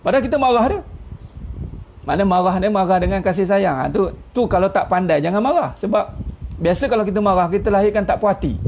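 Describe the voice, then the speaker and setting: A middle-aged man with a Malaysian Malay accent preaches in a relaxed, conversational way, teasing his listeners and laughing softly now and then. His voice sits high for a man and carries a gravelly, frayed edge. A faint hiss of background noise runs under the recording. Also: fast talker. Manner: chatty, teasing, chuckles at his own jokes. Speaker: ustaz giving an online religious talk. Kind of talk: informal sermon.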